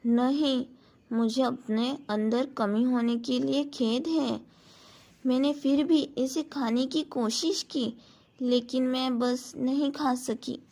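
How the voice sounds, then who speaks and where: A woman's voice: high voice, steady tone, takes it slowly, dark tone, exaggerated voice. A woman voicing a timid little adopted girl who speaks hesitantly and stammers, in a storybook retelling.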